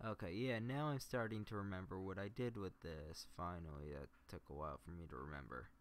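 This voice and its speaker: A man with a low voice livestreams a demonstration of video editing, speaking fairly quickly. It's casual, unscripted tutorial commentary, and he thinks aloud and mutters to himself as he works. There's a little hiss or hum on the audio.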